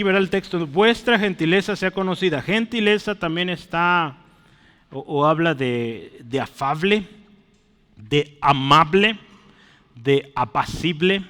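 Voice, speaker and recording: Preacher guy giving a sermon, kinda high voice, slow teaching style, keeps asking his listeners if they follow, long echo. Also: bright, forceful tone, clean tone. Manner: explains slowly, writing words on a board; asks "¿verdad?" and "¿sí?" often. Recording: long hall reverb.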